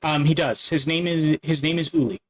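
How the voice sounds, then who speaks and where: A man narrating a tabletop game as dungeon master, halting and full of fillers and restarts. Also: fairly high pitch, rough recording.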